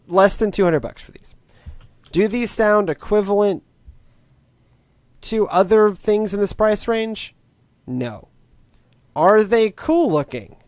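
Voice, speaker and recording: A man's voice: high voice, a little mellow, no echo. A man in his late twenties, a tech podcast co-host, chatting casually in a wry, rambling way with lots of restarts. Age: late 20s.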